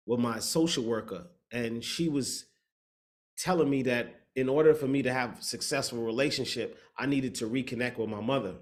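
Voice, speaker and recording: In a video-call interview, a matchmaker and speaker from the Bahamas reflects on his story in a steady way, sometimes pausing to find words. His voice sits at medium pitch.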